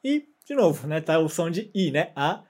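A man teaching a grammar lesson, patient and methodical, saying example words slowly for repetition and ending sentences with quick check-in tags. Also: a little high, very animated, a little mellow. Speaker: Japanese language teacher.

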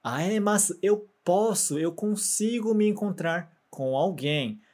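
A man teaching a grammar lesson, patient and methodical, saying example words slowly for repetition and ending sentences with quick check-in tags. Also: high voice, darkish tone. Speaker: Japanese language teacher.

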